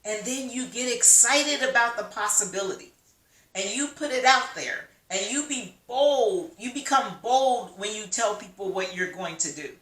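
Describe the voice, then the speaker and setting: A woman's voice: on the high side, animated, normal speed, a bit bright. A woman vlogger from the United States giving an emphatic motivational talk full of rhetorical questions. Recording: echoey room, mic at a distance.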